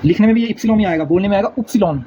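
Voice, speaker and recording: High-voiced man drilling letter sounds. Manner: repeats sounds slowly, patient drilling. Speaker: language teacher. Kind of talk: casual spoken lesson. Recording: dull lo-fi recording, faint noise.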